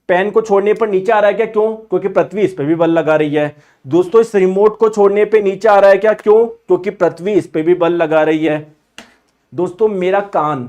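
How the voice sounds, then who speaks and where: A man teaching an exam-prep physics lesson in a lively way, often asking questions and answering them himself. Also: high-pitched. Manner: lively, asks and answers his own questions; acts out students' objections in asides.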